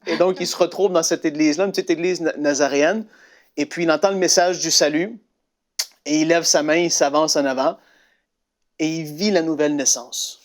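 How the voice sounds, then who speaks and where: Animated Québécois man telling a story. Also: fairly high pitch, brisk. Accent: Québécois French. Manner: animated, lots of fillers and restarts, breaks into laughter. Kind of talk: casual storytelling of a testimony.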